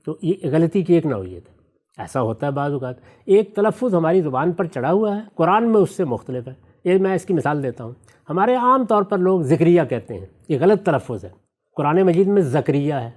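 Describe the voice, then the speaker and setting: A male religious scholar with a fairly high voice that rises and falls in lively arcs. He lays out his points methodically, one worked example at a time, and slows right down to recite verses with care. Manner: recites scripture verses slowly and deliberately. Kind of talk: explanatory discussion answering questions.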